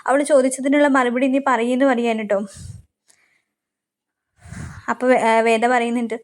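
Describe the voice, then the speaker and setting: A woman's voice: fairly high pitch, level tone, a little fast. A woman retelling a television serial's plot in a casual, chatty way, tagging many sentences with a "you know?" check to her listener. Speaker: serial episode recapper.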